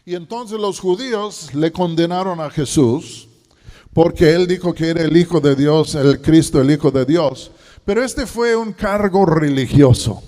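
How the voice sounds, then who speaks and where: A man preaching a sermon, dramatic and shifting between loud and hushed. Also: on the high side, in a large hall. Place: church.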